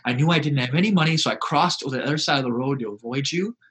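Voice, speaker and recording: A man voicing a hungry man who lost his job, telling his story in an earnest, slow way. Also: medium pitch, fairly bright tone, close to an everyday voice.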